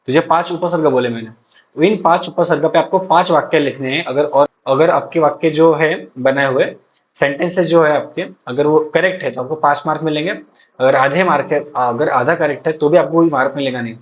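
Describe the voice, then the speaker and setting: A young man with a somewhat high voice teaches an exam-prep lesson. He drills terms aloud for his students to repeat and keeps checking in with them. The recording sounds dull and lo-fi. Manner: frequent check-ins to students. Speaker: ayurveda college lecturer.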